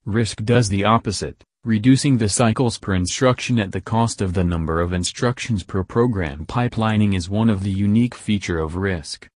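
A man giving scripted educational narration in a measured, even reading style, slowing down for list items. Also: on the low side, dry recording, clean studio sound.

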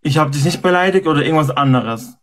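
A man with a slightly high voice argues his side in a live dispute. He is defensive and insistent, circling back over the same points again and again. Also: fast, a bit bright. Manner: defensive, insistent, repeats himself. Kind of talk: heated argument.

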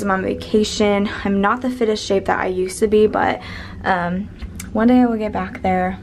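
A woman's voice: mid-range voice, background noise. A woman in her twenties chatting casually to a handheld camera while vlogging her trip, with lots of fillers. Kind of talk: casual travel vlog. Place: cruise ship cabin and outdoors. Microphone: handheld camera at arm's length.

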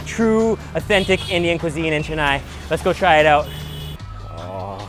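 A young man from Canada, a food vlogger, tasting dishes on camera and reacting with excited, breathy exclamations at street stalls and in a restaurant. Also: a little high, moderate pace, over music.

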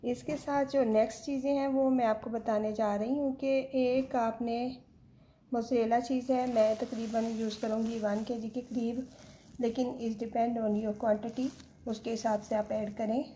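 A woman's voice: fairly high pitch, little pitch movement, measured pace, dark tone, a little hiss or hum. A woman hosting her own home cooking channel, walking viewers through a recipe step by step in a chatty way and slipping English words into her speech.

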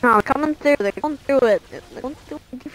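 A woman giving casual, excitable, chatty commentary while playing a video game with friends. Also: sits high, normal speed, poor audio. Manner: excitable, chatty, prone to shouting out. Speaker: gaming commentator.

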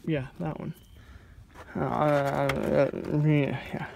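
Slow and creaky, with a voice on the high side that barely moves in pitch, this man talks through a car repair as a casual how-to. A DIY car vlogger on a handheld phone, he rambles and thinks out loud with plenty of ums, first in a moving car, then outside next to it at night, amid loud road and engine noise.

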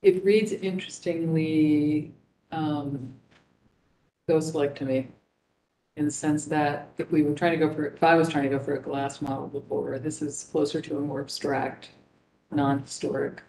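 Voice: medium pitch, level tone, normal speed, warm tone. A commission member giving blunt opinions and asking questions in a meeting discussion. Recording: echoey room with faint noise.

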